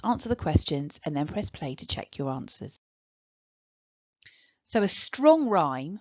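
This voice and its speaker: A woman with an English accent teaching a recorded online lesson, giving clear step-by-step instructions. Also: lowish voice, no room sound, highs cut off.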